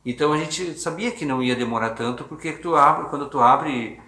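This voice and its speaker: A man's voice: fairly high pitch, fairly quick, pushed and bright. A man, an adoptive father telling his story in a hesitant documentary interview with many restarts. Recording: echoey room on a phone.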